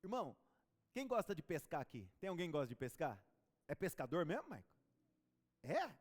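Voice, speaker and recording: Animated preacher in a reverberant church. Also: male voice, on the high side, normal speed. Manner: storytelling, animated, chatting with the congregation. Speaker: pastor. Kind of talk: sermon.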